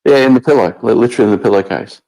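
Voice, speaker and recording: A man's voice: lowish voice, rapid-fire, dark tone, rough recording. A middle-aged man from England, a guest chatting casually on a video call, rambling with many restarts and fillers. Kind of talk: casual chat.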